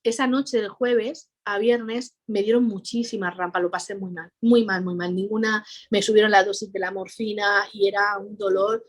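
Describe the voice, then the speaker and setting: A woman, a cheerful interview guest who laughs often while recounting a personal story in conversation. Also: mid-range voice.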